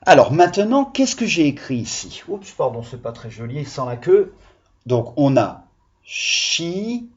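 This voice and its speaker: A man's voice: mid-range voice, big pitch swings, normal speed, darkish tone, lo-fi sound. A male primary school teacher giving a video phonics lesson to young children, patiently sounding out syllables.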